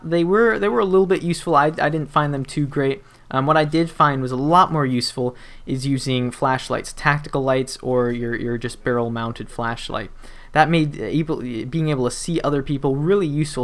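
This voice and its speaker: A young man rambles through a gaming voice-over, full of ums and jokey asides. His voice sits at a plain middle pitch, recorded on a desk mic at home. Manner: rambling and chatty, with frequent fillers and restarts and playful asides. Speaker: gaming YouTuber. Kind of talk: casual gameplay commentary voice-over.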